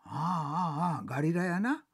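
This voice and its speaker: A man's voice: on the high side, lively intonation, moderate pace, breathy edge. A man with a Kansai accent telling a comic story rakugo-style, switching between two chatting servants.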